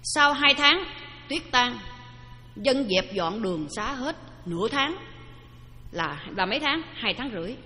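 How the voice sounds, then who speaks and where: A woman giving a storytelling dharma talk, lively and asking the audience questions. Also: on the high side, a little slow, pauses often, slight background noise. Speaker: Buddhist dharma teacher. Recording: long hall reverb.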